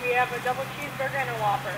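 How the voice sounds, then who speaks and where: A woman's voice: on the high side, steady tone, rapid-fire. A female drive-thru worker heard through the drive-thru speaker, polite, brief and patient. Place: outdoor drive-thru lane. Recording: distant voice with car noise.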